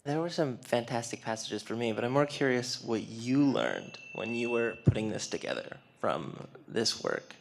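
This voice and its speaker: A man's voice: medium pitch, sing-song, moderate pace, creaky, few pauses, slight background noise. A man asking a long, thoughtful question from the audience. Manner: thoughtful, rambling. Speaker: audience member.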